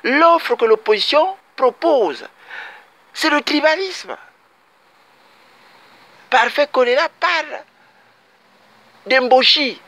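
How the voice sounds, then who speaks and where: A man from Congo-Brazzaville holds forth in an emphatic political commentary. His voice sits high for a man and moves widely in pitch. He repeats his key phrases and speaks straight to his fellow citizens. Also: expressive, slow, long pauses, pushed and bright. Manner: emphatic, repetitive, addresses compatriots directly.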